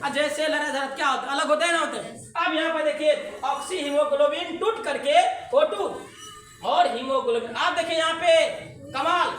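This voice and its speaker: A woman's voice: sits high, pushed and bright, roomy sound. A woman science teacher, giving an online class in a playful call-and-response way and laughing often.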